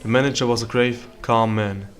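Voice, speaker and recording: A man narrating a scripted story in old-fashioned radio drama style, with dry, measured delivery. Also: medium pitch, fairly even intonation.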